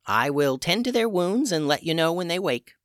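A man voicing an old female witch healer who is brisk and matter-of-fact. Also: on the high side, expressive, a bit bright, no room sound, clean studio sound, voice pushed up.

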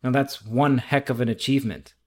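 A man's voice: medium pitch, fairly even intonation, brisk. Guy hosting a podcast, reading and commenting, thoughtful and articulate, normal mid voice. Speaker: podcast host.

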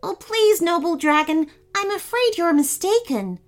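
A woman's voice: very high-pitched, a little slow, pitched above the performer's own voice. Woman playing a polite brave young prince. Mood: earnest. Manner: earnest, calm and courteous.

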